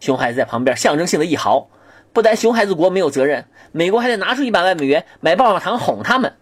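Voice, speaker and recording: A man delivering a satirical comedy monologue in a mock-serious, exaggerated storytelling way. His pitch swings widely and his voice has a husky grain. The recording is close and dry. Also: sing-song, fast talker, dry recording. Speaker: comedic narrator.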